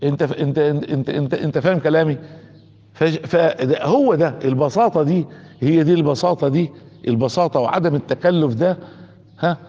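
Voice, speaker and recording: An Egyptian man preaches in a colloquial sermon, his voice sitting a little high. He keeps asking his listeners questions and trips over repeated restarts. The sound is dull and muffled, with a long reverb ringing through a hall. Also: brisk, warm tone. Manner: asks the listeners rhetorical questions, with many stammered restarts.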